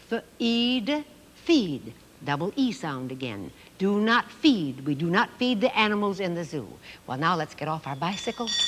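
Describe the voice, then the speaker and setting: A woman teaching children phonics on a television course, speaking in a slow, carefully enunciated sing-song way, on an old 1960s TV recording. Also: on the low side, a bit bright, long reverb tail, a little hiss or hum.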